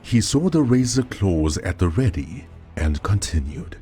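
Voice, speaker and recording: Deep-voiced man narrating a horror story. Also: very animated, unhurried, mellow, faint music behind.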